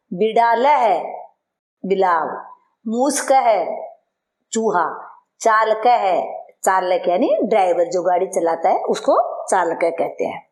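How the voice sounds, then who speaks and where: A woman's voice: mid-range voice, darkish tone. A woman teacher patiently explaining a school lesson word by word, spelling out terms and their meanings. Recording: roomy, echoey voice-over.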